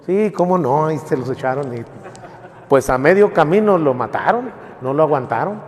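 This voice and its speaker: A man's voice: a little high, lively intonation, moderate pace. A priest retelling Bible stories in a colloquial, storytelling way, often checking in with his listeners. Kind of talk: informal Bible teaching. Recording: long reverb of a large hall.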